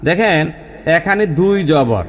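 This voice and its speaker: Casting: high-pitched male recitation teacher, patient and repetitive, roomy reverb. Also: sing-song. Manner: patient, repeats rules slowly, drawn-out recitation. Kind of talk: tajweed lesson.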